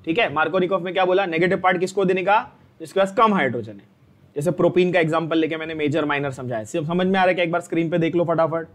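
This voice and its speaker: A man teaching a chemistry exam-prep lecture, drilling students with repeated questions in an energetic, coaxing way. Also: on the high side, very fast.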